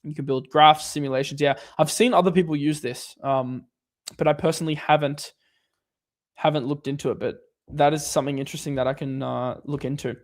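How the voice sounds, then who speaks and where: Chatty man with a higher voice. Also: fairly even intonation, brisk. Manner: loose, rambling, lots of "like" and restarts. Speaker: livestream host answering viewer questions. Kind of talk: casual livestream Q&A.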